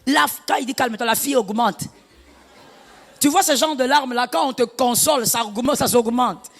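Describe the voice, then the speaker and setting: Husky woman preaching a fiery sermon. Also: a little high, normal speed, big-room sound. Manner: animated preaching, rising to shouts. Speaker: pastor.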